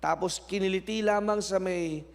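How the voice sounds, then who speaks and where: A man from the Philippines preaching a sermon as pastor, mixing two languages and moving between soft prayer and loud, animated preaching. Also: sits high, moderate pace, gravelly. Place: church sanctuary. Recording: long church hall reverb.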